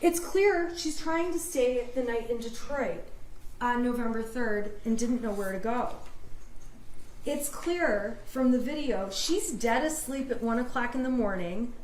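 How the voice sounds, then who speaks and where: A woman's voice: fairly high pitch, unhurried, darkish tone. An American woman, a defense attorney, delivering a passionate, emphatic closing argument in court. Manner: passionate, emphatic, insistent arguing. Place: indoor courtroom. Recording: echoey courtroom with background noise.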